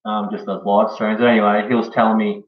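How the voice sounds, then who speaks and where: A man's voice: lowish voice, level tone, a little fast. Echoey, distant, laid-back Australian guy. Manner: laid-back slangy talk, often ending on "eh" and "bro". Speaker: live streamer. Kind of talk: casual live stream chat. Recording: dull echoey room, far from mic.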